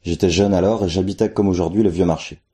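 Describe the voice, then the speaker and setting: Brief: male storyteller, deep-ish, warm dark tone, measured narration. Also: steady tone. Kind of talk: first-person folk tale narration.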